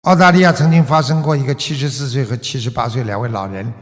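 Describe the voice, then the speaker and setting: A man preaching a Buddhist sermon as teacher, asking his listeners many rhetorical questions and ending phrases with a drawn-out 'ah'. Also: mid-range voice. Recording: long reverb of a large hall.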